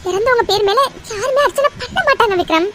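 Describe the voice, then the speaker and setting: A woman voicing a squeaky caring young wife. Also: lively intonation, fast, a bit bright, a little hiss or hum. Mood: puzzled. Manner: soothing, inquisitive. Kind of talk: cartoon drama voice acting.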